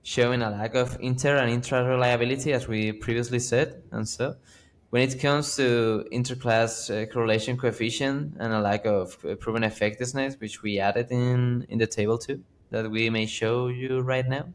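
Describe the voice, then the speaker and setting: A man's voice: medium pitch, steady tone, moderate pace. Earnest male physiotherapist podcast co-host. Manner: earnest, cites sources with frequent restarts. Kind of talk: conversational podcast discussion.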